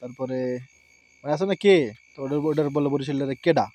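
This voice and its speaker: A man's voice: fairly high pitch, brisk, warm tone. Chatty man with a Barishal-area accent. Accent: Barishal-area Bangla. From Barishal area, Bangladesh. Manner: chatty, often adds "হ্যাঁ". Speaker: vlogger cooking at home. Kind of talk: casual chat to camera. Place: rural home at night, outdoors.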